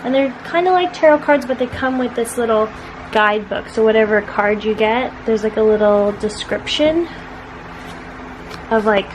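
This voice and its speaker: A woman's voice: on the high side, normal speed. Chatty young woman vlogging, noisy background. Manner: chatty, rambling with many fillers. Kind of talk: casual vlog chat.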